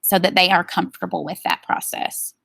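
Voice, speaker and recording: A woman presenting a staff training session, explaining procedures in a steady way with frequent ums. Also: lowish voice, fairly quick, vocal fry, a little hiss or hum.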